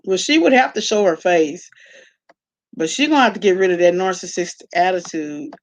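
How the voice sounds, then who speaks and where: On a casual live stream, a woman talks conversationally and with plenty of slang to her viewers while reacting to online gossip. Her voice is fairly low in pitch and moves at a moderate pace.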